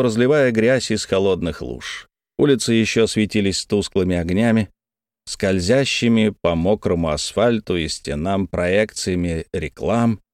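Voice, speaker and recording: A man narrating a first-person thriller audiobook in a tense, measured way. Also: fairly low pitch, darkish tone, dry recording, clean studio sound.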